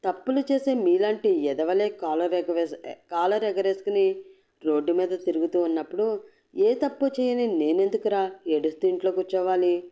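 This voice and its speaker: A woman's voice: on the low side, lively intonation, moderate pace, dark tone, natural voice. Woman voicing a defiant, cutting young woman. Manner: cutting, mocking, firm. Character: defiant young woman, sharp-tongued and unbowed. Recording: dull lo-fi recording.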